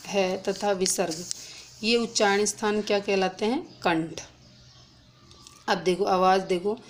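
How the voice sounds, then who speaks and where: A woman teaching an exam-prep lesson, slowly spelling out sounds and letters one by one. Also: mid-range voice, a little hiss or hum.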